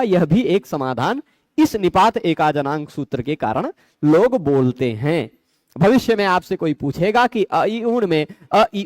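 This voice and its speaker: A male Sanskrit grammar teacher, his pitch sitting high and swinging widely as he explains. He builds his points patiently, asks questions and answers them, and checks that his students follow. The recording is dry and close. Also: no echo. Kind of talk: explanatory lecture.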